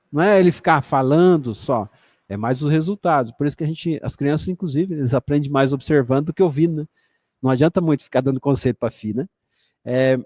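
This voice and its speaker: A Brazilian man with a Brazilian Portuguese accent giving a casual motivational talk, conversational and animated, often tagging his points with little questions to the listener. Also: no room sound. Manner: conversational, frequent "sabe?" and "né?" asides; animated, emphatic rises in pitch. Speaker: motivational speaker.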